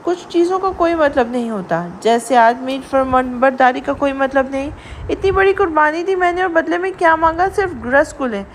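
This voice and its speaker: A woman's voice: sits high, slight background noise, lightly acted. A woman voicing a stubborn, dramatic young wife who whines and pleads. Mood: whiny pleading. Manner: whiny and pleading.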